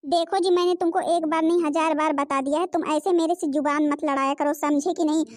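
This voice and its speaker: A woman voicing a cruel, bossy stepmother in an animated cartoon, scolding and threatening. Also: high-pitched, brisk, dry recording, studio quality, natural voice.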